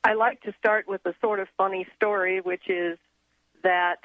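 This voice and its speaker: A woman's voice: mid-range voice, fairly even intonation, moderate pace, no room sound. A woman raised in Thailand, speaking as a radio guest, explains her ideas earnestly and at length. Her voice comes through a thin, tinny phone line. It sounds dry and close. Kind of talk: casual radio interview.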